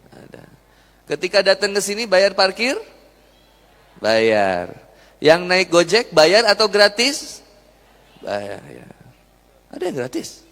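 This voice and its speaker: A man's voice: high voice, wildly swooping pitch, takes it slowly, pauses often, fairly bright tone. A young man, giving a chatty, jokey sermon and asking the crowd questions. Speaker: preacher. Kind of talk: lively sermon to a live audience. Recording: long hall reverb.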